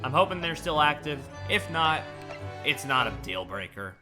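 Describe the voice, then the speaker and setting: A man chatting casually while streaming a game, relaxed and rambling, with game music behind. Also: a little high, moderate pace. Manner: relaxed, rambling, lots of fillers. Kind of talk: casual let's-play chat and reading the game aloud.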